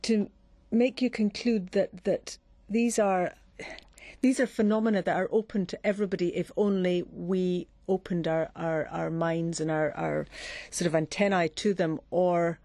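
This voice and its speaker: Mellow-voiced woman interviewer. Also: on the low side, steady tone, no room sound. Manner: probing, halting questions. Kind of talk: interview questions.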